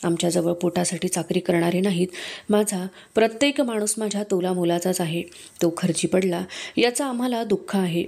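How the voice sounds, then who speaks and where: A woman's voice: on the low side, normal speed, vocal fry, a little mellow. A woman reading aloud, voicing a proud, commanding male king from a historical novel with firm, dignified speech. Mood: grieving proud.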